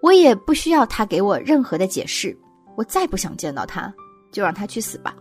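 A woman's voice: mid-range voice, very animated, brisk, lightly acted. Young woman, voiced by a woman narrator, earnest first-person musing, parents' divorce, faint background music. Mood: defiant.

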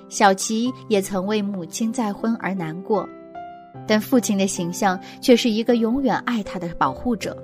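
Woman narrating over soft music. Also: mid-range voice. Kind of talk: scripted narration.

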